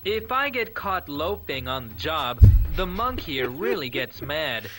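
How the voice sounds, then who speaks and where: Man acting nervous game worker, high, badly acted. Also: very animated, measured pace, sharp tone, heavily acted. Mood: nervous, hurried. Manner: stilted bad acting. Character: nervous male worker dodging his strict boss. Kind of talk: amateurish video game dub. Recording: music behind game dialogue.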